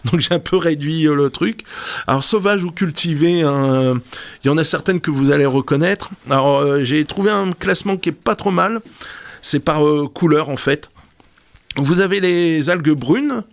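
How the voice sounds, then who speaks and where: Male radio presenter, fry in the voice, casual, hesitant and full of fillers. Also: fairly high pitch, moderate pace. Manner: hesitant, explanatory, many fillers. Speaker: radio segment presenter on marine plants.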